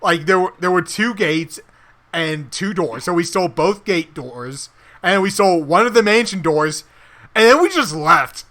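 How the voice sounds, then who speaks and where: A man co-hosting a casual podcast with a high, bright, ringing voice. He tells game stories with animation and acts out the characters' lines as he goes. His talk is loose and conversational. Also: lively intonation, moderate pace. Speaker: podcast co-host and tabletop player. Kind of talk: casual chat.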